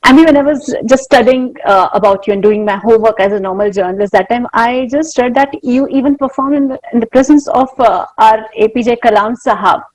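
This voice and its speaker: Woman, higher-pitched voice, journalist interviewing, effusive, repetitive phrasing. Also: brisk, few pauses, rough recording. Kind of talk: conversational interviewing.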